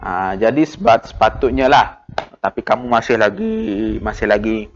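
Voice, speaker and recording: A male primary school teacher with a Malaysian Malay accent, patiently coaxing pupils through a recorded grammar lesson and filling pauses with "ha". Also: fairly low pitch, expressive, slight background noise. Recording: dull lo-fi audio.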